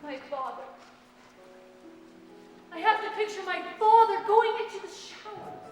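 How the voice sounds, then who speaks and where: A woman's voice: extremely high pitch, animated, measured pace, darkish tone, soft background music. A woman playing a survivor who was hidden as a child, firm and emphatic, repeating her points on a stage. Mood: bitter. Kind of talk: stage testimony monologue. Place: school stage. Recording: echoey hall, mic far off.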